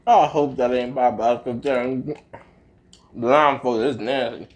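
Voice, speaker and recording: A woman's voice: a bass voice, takes it slowly, a little mellow. A young woman co-hosting a casual food-tasting video, blunt and profane and laughing often. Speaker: co-host. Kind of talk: casual chat.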